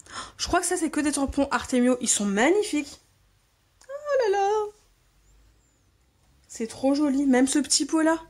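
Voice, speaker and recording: A woman with a notably high voice gushes through a casual unboxing chat, repeating her delight over each item. She talks to her viewers like a friend, relaxed and warmly excited. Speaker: scrapbooking channel host.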